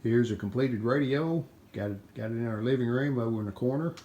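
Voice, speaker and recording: Indoors at home, the host of a vintage radio repair video walks casually through a hands-on restoration in short, clipped, matter-of-fact sentences. His mid-range voice runs a little fast with a dark tone, and the highs are cut off.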